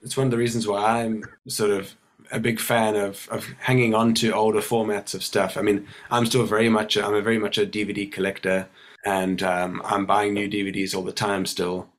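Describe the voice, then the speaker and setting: A man, croaky and hoarse from a cold, chatting casually and hesitantly as a podcast guest. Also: on the low side, flat delivery, moderate pace. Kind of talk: casual chat.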